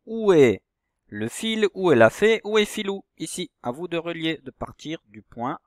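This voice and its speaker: Man, primary teacher, slow patient delivery, drawn-out syllables, dry close sound. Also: on the high side, very animated, dry recording. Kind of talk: recorded reading lesson for young children.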